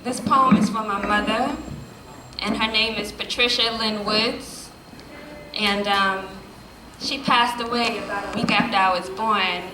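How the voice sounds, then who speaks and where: A woman's voice: mid-range voice, fairly even intonation, a little slow, noisy background. A woman, performing spoken word poetry at a poetry café with impassioned, rhythmic repetition. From the Bronx, New York. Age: 20s. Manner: impassioned, rhythmic, repeating lines for emphasis. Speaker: poet at an open mic. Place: poetry café reading room. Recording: echoey room with faint ambience.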